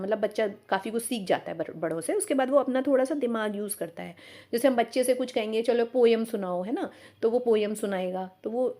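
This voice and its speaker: A woman's voice: fairly high pitch, darkish tone. A woman teacher giving an exam-prep lecture, explaining step by step and often asking and answering her own questions.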